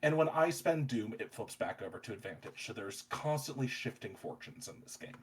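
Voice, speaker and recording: Husky man running a tabletop game. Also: medium pitch, lively intonation, brisk, poor audio. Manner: descriptive, cinematic, with restarts. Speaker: game master.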